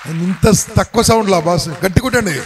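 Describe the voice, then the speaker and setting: Middle-aged motivational speaker, a man, high voice, animated storytelling that keeps asking the crowd questions. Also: a little fast. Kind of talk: motivational speech to a live audience.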